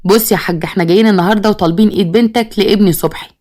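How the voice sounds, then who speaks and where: A commanding Egyptian village father who scolds his family and dotes on one daughter-in-law, as a woman storyteller reads his part. He speaks very fast, at a middle pitch. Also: darkish tone, lightly acted. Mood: stern. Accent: Egyptian Arabic.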